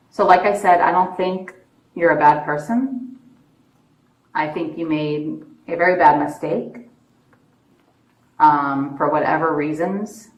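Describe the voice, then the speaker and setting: A woman police officer questioning a suspect in a measured, persistent, probing way. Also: deep voice. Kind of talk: interrogation, calm questioning. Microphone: police bodycam. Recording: echoey, distant body camera audio with noise.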